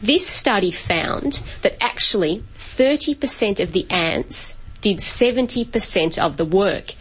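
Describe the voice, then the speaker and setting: Aussie woman chatting on a science radio show, mid pitch, informal co-host. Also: animated, unhurried, husky, poor audio. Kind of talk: casual live radio chat.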